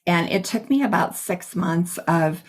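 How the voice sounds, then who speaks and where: A cheerful middle-aged woman hosts a conversational interview, her voice sitting a little low. She talks in a chatty, upbeat, storytelling way. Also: lively intonation, a little slow. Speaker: podcast host. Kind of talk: casual interview chat.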